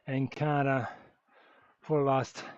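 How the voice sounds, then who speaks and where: Riding indoors on a bike, a German man talks to his livestream audience, relaxed and rambling with frequent fillers as he responds to viewers. His medium-pitched voice stays level at a measured pace. German is his first language, and the recording sounds dry, dull and lo-fi.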